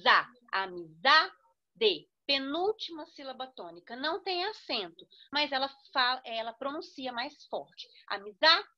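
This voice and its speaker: A woman's voice: sits high, expressive, moderate pace, few pauses, pushed and bright, highs cut off. A woman with a Brazilian Portuguese accent teaching a grammar lesson, stressing syllables and checking in with students often. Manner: instructive, with frequent check-ins and spelled-out syllables.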